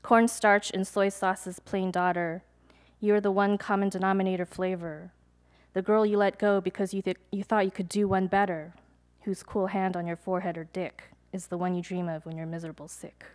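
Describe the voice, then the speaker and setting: At a live reading event, a young adult woman poet reads her own poems to an audience, pacing each line with measured, deliberate care. Between poems she drifts into loose, hesitant asides. Her pitch stays in an ordinary middle range and barely moves.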